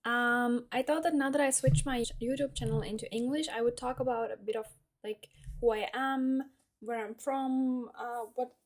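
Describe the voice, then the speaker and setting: A woman's voice: on the high side, steady tone, moderate pace, a little hiss or hum. A young woman from Finland, talking casually to camera as a vlogger, hesitant and full of fillers as she searches for words. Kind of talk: casual personal monologue.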